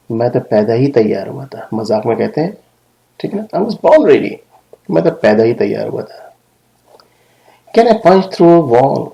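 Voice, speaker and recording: Gravelly man teaching English. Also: medium pitch, low-quality recording. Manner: animated, acts out example phrases with emphasis. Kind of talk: language lesson explaining phrases.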